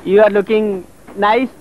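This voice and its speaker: An actor playing a chatty, overfamiliar male shopkeeper who laughs a lot and speaks broken English, in a 1980s TV drama. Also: sits high. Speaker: pushy shopkeeper trailing a foreign tourist. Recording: dull lo-fi TV soundtrack, faint train noise.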